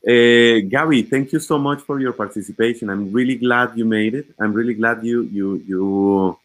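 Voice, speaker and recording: Halting man hosting a video call. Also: medium pitch, rough recording. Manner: halting, repeats words. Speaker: host. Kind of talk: online interview hosting.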